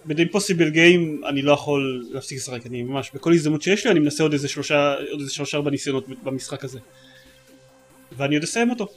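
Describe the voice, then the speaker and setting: A man's voice: fairly high pitch, soft background music. A man co-hosting a casual gaming podcast, talking eagerly and rambling with many fillers. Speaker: podcast co-host.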